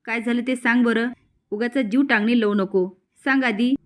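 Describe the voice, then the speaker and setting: A woman's voice: on the high side, moderate pace, natural voice. A woman voicing a worried, loving mother who pleads with her daughter, in a drama recap. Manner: anxious, pleading.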